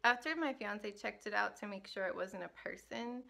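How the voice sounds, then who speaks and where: A woman's voice: medium pitch, normal speed, gravelly, bright, forceful tone. A young woman vlogger talking casually to camera, rambling and self-mocking, often laughing at herself.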